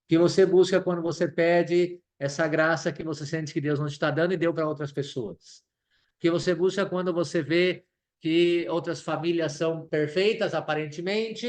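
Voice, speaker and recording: A priest with a Brazilian Portuguese accent preaches a sermon in a fairly high voice. He is lively and acts out prayers and quotes in shifting voices as he teaches. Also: moderate pace.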